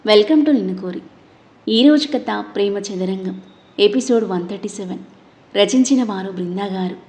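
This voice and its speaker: A woman hosting and narrating a scripted family audio story in a steady, dramatic reading. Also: medium pitch, moderate pace. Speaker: storyteller and host.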